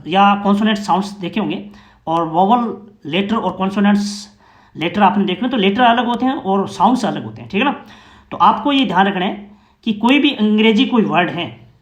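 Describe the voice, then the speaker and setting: A man's voice: high voice, echoey room. A man explaining English grammar to learners in Hindi, patient and repetitive, often asking rhetorical questions and checking that his listeners follow.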